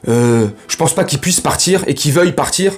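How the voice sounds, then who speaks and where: Lively, slangy football fan man ranting. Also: fairly high pitch, normal speed, husky. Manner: animated, slangy, bursts into shouting and laughs. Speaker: football fan channel host. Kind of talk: casual ranting vlog.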